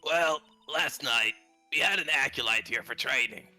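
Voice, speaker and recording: Man putting on a theatrical, menacing flirty nun, bright edge. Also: medium pitch, faint music behind. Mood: slow, ominous. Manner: slow theatrical villain menace. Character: flirty, teasing middle-aged head nun, a woman. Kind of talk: playful video game read-aloud.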